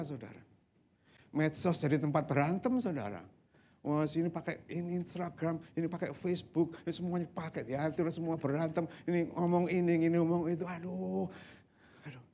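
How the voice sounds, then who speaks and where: Conversational preaching pastor, husky voice. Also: male voice, a little high, warm tone. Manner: conversational preaching, often addressing the congregation as "saudara". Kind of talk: sermon. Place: church service, live-streamed.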